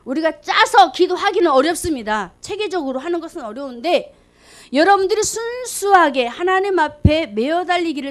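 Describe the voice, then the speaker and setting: A woman with a high voice preaches a fervent sermon. She talks in an animated, exclamatory way, rising to loud calls and dropping to hushed asides. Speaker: lay preacher.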